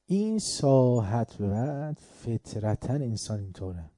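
A man's voice: mid-range voice, very animated, warm tone, no room sound, clean studio sound. A man giving a religious lecture on upbringing, emphatic and repetitive, asking rhetorical questions and acting out folk anecdotes. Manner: emphatic, repeats word lists, asks rhetorical questions.

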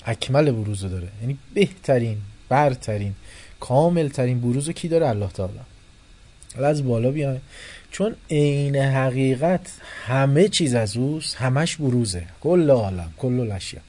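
A man giving a religious philosophy lecture to a class, animated, moving between soft and loud and acting out the people he quotes. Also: mid-range voice. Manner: animated, shifting loudness, quotes and acts out people.

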